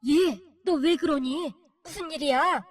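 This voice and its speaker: A caring elderly mother-in-law frets and hushes, as a woman voices her in a told-to-radio family story. Her voice sits very high, with soft music playing underneath. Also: a little slow. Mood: worried. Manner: anxious, hushing.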